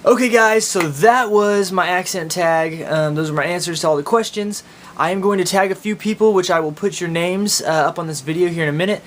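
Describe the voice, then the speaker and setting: A man with an Oklahoma accent chatting casually and informally as a video blogger. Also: a little fast. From Oklahoma, United States. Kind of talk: casual chat to camera, answering accent tag questions. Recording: steady background noise with low rumble.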